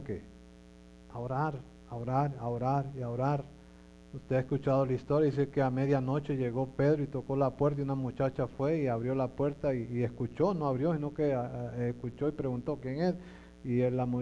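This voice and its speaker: A man's voice: medium pitch, warm tone. Pastor guy preaching, keeps asking the congregation stuff, dull muffled recording, a little hum behind. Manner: repeats words and asks the congregation questions. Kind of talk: sermon. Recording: dull lo-fi sound with faint hum.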